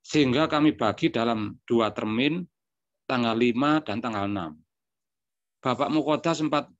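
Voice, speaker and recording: A man's voice: medium pitch, dry recording. A man telling a personal story, acting out bits of dialogue, with frequent filler words. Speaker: speaker giving a testimony. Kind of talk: spoken reminiscence. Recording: dry, dull lo-fi sound.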